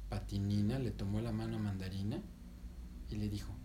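A man's voice: on the low side, little pitch movement, a little fast, background noise. A man telling a children's story, playful and chatty, correcting himself and asking the listener questions.

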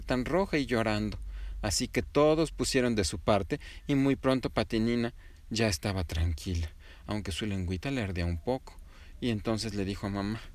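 A man telling a child an improvised bedtime story, gently and animatedly addressing the listener. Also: mid-range voice, dry recording.

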